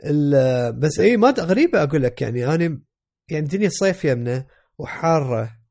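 Congested Iraqi man, creaky voice. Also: on the high side, sing-song, brisk, darkish tone. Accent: Iraqi Arabic. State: sick with a cold, congested, voice affected. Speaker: podcast co-host. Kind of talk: casual chat.

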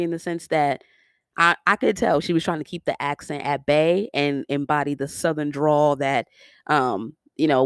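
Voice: mid-range voice, gravelly, no room sound, clean studio sound. A speaker with a New York accent giving casual, opinionated commentary with sassy, slangy asides. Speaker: vlogger reviewing a biopic series.

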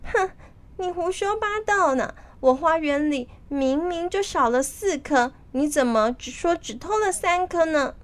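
A woman's voice: high voice, big pitch swings, measured pace, pitched above the performer's own voice. Woman doing an accusing huffy immortal boy. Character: indignant young immortal boy attendant.

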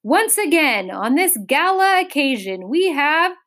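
A woman's voice: high-pitched, very animated, a little slow, fairly bright tone, voice pushed up, heavily acted. A woman voicing a blustering male storybook king, grand and declamatory, issuing speech as if by royal command. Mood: ceremonial.

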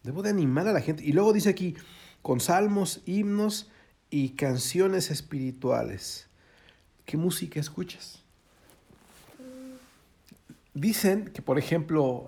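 A man's voice: a little high, gravelly, mellow. A man preaching casually, folksy and joking, acting out little quoted voices. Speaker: pastor.

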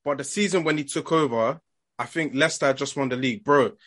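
A man's voice: mid-range voice, brisk, a bit bright, dry recording, studio quality. A young man with an urban London roadman accent hosting a football podcast in casual, slangy chat. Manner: slangy street talk.

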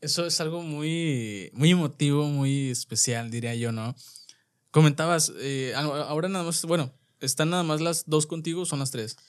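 A man with a Mexican Spanish accent hosts a casual podcast interview in a fairly high voice. He is supportive, gives short replies and asks gentle questions. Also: moderate pace, smooth. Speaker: podcast host.

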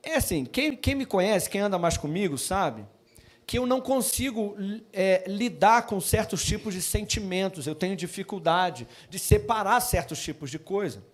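A young man preaching a Christmas sermon in a church, moving from chatty personal stories to loud, emphatic preaching to the congregation. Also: sits high, animated, moderate pace. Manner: addresses congregation as brothers. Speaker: pastor.

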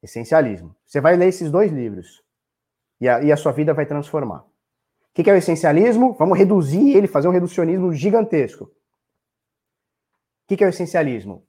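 A husky man in his thirties with a Brazilian Portuguese accent rants bluntly at his stream chat, a little tipsy, cursing freely and repeating himself. His voice is fairly high and dark-toned, with lively intonation, a fairly quick pace and long pauses.

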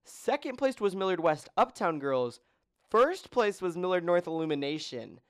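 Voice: medium pitch, very animated, normal speed, clear, resonant tone. A podcast host in casual chat, joking and running through long lists of results with many ums.

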